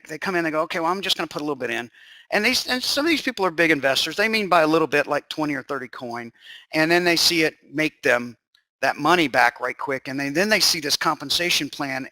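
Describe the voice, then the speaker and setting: A man, presenting a sales webinar with an enthusiastic, salesy pitch and casual fillers. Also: bright, forceful tone, no room sound. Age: 50s or 60s.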